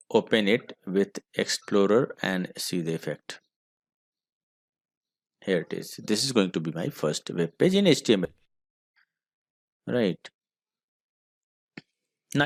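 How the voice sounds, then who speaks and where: A man's voice: on the low side, no echo, studio quality. A man with an Indian English accent teaching a school computer class, dictating code step by step. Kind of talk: screen-recorded coding lesson.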